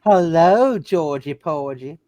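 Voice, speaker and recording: Woman as Violet Bick, animated small-town flirt. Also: low voice, slow, voice pushed down. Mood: coy, flirty. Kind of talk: hammed-up live radio play reading.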